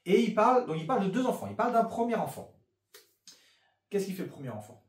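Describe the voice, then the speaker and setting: Animated man hosting a youth Bible talk. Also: sits high, quick pace. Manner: animated, hesitant with many fillers. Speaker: youth ministry host. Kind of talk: casual chat and Bible reading. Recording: roomy sound from a distance.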